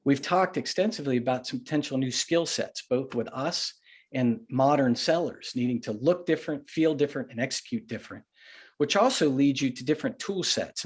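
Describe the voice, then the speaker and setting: A man's voice: mid-range voice, breathy edge. Man leading a virtual sales workshop. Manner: conversational, folksy with anecdotes. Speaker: workshop facilitator. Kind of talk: virtual master class presentation.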